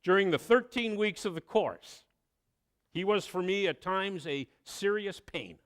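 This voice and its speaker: Man, pastor, sermon, slow delivery, animated pitch, dramatic pauses. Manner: expressive storytelling, dramatic pauses.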